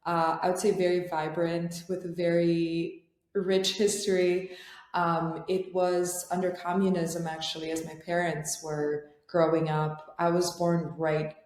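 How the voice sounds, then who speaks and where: Low-voiced woman from Albania, reflective. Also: level tone, measured pace, darkish tone. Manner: thoughtful, many fillers and restarts. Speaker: guest, startup founder. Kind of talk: podcast interview.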